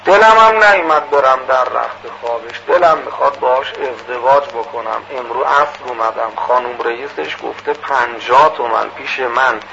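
A man voicing a distraught young man in his early twenties in a told story, speaking low and pleading, on a muffled recording with loud hiss. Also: creaky, hardly any pauses.

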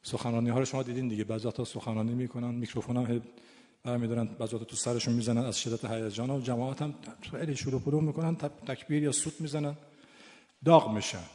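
A man's voice: mid-range voice, steady tone, warm tone. A middle-aged man teaching Quran recitation to a class, breaking verses into syllables and chanting them aloud. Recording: long hall reverb.

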